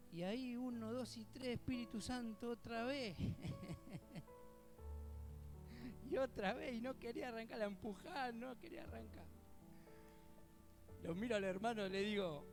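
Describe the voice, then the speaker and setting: Argentine man, co-pastor, high voice, conversational preaching, swells loud on scripture, faint music underneath. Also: gravelly. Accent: Argentine Spanish (Buenos Aires area). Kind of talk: sermon with personal anecdotes.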